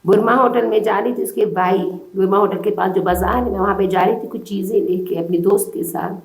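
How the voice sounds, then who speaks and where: A woman's voice: mid-range voice, fairly even intonation, creaky. A woman from Balochistan in Pakistan, giving urgent, distressed testimony to a reporter. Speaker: interviewee. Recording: roomy echo.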